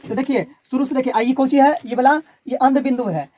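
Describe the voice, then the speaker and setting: A man's voice: very high voice, fairly quick, crowd noise. Bihari-accented male teacher drilling terms. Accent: Bihari Hindi. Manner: repeats key terms and quizzes the class in call-and-response. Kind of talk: classroom physics lecture.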